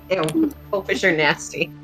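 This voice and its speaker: A woman chatting casually on a live stream, speaking haltingly with many restarts. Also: on the low side, very animated, over music, low-quality recording. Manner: halting, lots of restarts and fillers. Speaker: stream co-host. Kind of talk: casual chat.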